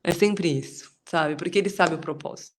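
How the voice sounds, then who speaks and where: Brazilian woman rattling off her testimony at a bible study, super chatty and fast, fillers everywhere. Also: on the low side. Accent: Brazilian Portuguese. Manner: chatty, rambling, many fillers. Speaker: Bible study group leader. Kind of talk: casual testimony in a group.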